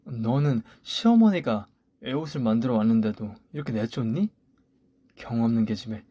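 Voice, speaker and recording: A spiteful older mother-in-law snaps and sneers in a clipped, scolding way, as a man reads her part. The voice sits in a middling pitch and sounds close and dry, with no room around it. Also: expressive, normal speed, warm tone, slightly rough, no room sound. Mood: scornful. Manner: scolding, cutting remarks. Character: scheming older mother-in-law, sharp-tongued and scornful. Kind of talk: story radio voice acting.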